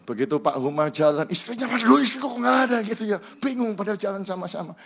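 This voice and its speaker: High-voiced pastor preaching big swings. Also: male voice, lively intonation, fast, creaky, a bit bright. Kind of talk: sermon. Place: church sanctuary.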